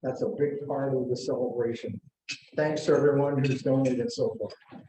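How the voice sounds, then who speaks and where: A man's voice: medium pitch, steady tone, moderate pace, dark tone. A man making plain, hesitant announcements at a club meeting. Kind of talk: casual announcements. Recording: roomy hall with faint noise.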